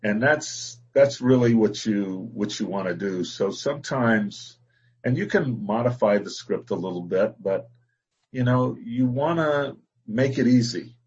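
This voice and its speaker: A man's voice: lowish voice, a little slow, a little mellow, slightly rough, highs cut off. A man coaching a client on a call, talking things through in a conversational way and often saying "exactly" and "you know". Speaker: business coach.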